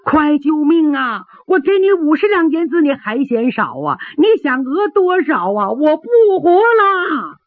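A woman's voice: fairly high pitch, very animated, unhurried, breathy edge, dry recording, pitched above the performer's own voice, full character voice. A woman storyteller voicing a cunning male steward who drawls haughtily and wails theatrically, on a dry, phone-like recording. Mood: wailing. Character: cunning male steward, arrogant then wailing.

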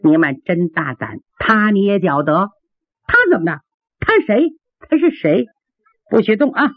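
Woman storyteller playing an impatient young prince, lively and husky, tinny dry sound. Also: medium pitch, unhurried, no echo. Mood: reproachful.

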